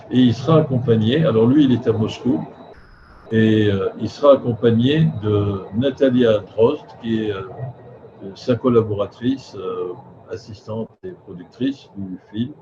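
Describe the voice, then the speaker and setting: Over dull video call audio with faint noise, an older host of a film festival conference speaks in a warm voice on the low side. He is polite and halting, pausing long on fillers, his words slightly slurred by loose dentures.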